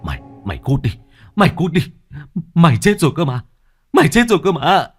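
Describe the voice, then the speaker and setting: A man voicing a domineering village tax official who barks gruff threats and shouts in panic. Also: rumbling low, lively intonation, a little fast, dry recording, pitched below the performer's own voice. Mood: panicked.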